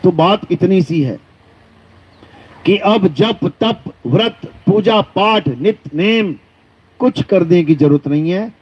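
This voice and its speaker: Man, high voice, devotional discourse, chants verses slowly then explains, dull lo-fi sound. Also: expressive, breathy edge. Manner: chants verses in a drawn-out sing-song, then explains plainly. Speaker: spiritual teacher. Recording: dull lo-fi recording.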